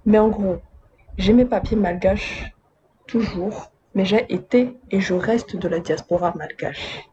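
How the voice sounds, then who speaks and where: Her voice sits at medium pitch with a dark tone, and she takes her time speaking. Born in Madagascar and brought up in Côte d'Ivoire and France, she's a video essayist offering relaxed commentary with wry, slangy, chatty asides. The audio has the highs cut off and a faint hiss or hum.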